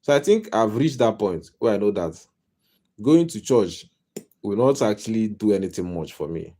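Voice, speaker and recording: This man's voice sits on the low side, dark in tone, with lively intonation and a moderate pace. He has a Nigerian accent and plays life coach in a relaxed home live stream, wandering off track and circling back to the same points with dry wit.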